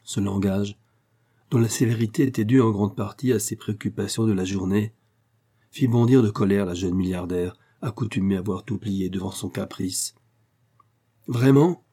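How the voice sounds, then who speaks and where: Low-voiced male audiobook narrator. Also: steady tone, normal speed, mellow, slightly rough. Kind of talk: scripted narration.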